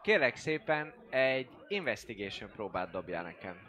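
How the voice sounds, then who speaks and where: A man's voice: medium pitch, big pitch swings, noisy background. A man running a tabletop game as game master, narrating in a rambling, hesitant way with many fillers.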